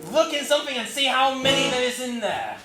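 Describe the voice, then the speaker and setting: A man's voice: very high-pitched, lively intonation, fairly quick, echoey room, loud music behind the voice. A man doing a laid-back tavern bartender. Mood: easygoing. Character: easygoing male tavern bartender. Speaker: improv comedian. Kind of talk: live improv comedy.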